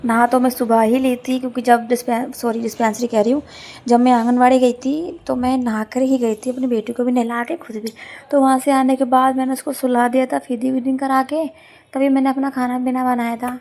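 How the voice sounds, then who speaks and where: A young woman talks through her household chores in a casual home vlog, her voice hoarse and heavy from a sore throat. She rambles, grumbles and corrects herself as she goes, speaking in a fairly high voice. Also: little pitch movement, a little fast, warm tone. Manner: rambling, complaining, self-correcting. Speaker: home vlogger. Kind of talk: casual chatty vlog narration.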